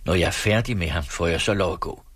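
A man's voice: sits low, husky, dry recording. A man doing a sly ex-cavalryman farmhand. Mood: earnest. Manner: plain-spoken, calm and wry.

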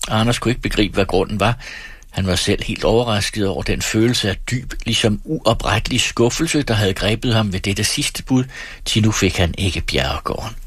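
Low, husky male audiobook narrator. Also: a bit bright, no echo. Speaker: audiobook reader.

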